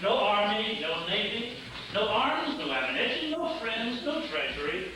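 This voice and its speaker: A man's voice: sits high, very animated, unhurried. An actor playing a haughty, scornful colonial statesman with mocking, rhetorical delivery in a period film. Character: haughty conservative colonial delegate, scornful opponent of independence. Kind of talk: theatrical period film oratory. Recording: echoey hall, distant mic, noisy ambience.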